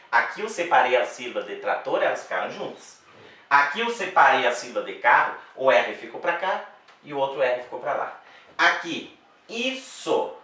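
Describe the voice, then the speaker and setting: Echoey, bright-voiced man teaching grammar. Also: mid-range voice. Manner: slow, deliberate, repeats words and checks with "tá?". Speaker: Portuguese teacher. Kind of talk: exam-prep grammar lesson. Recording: very echoey room, voice from a distance.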